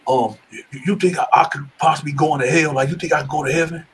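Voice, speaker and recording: A man voicing an adult male prison bully who speaks in a low, rushed whisper. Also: fairly bright tone, slight background noise, low-quality recording. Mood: hushed, pleading.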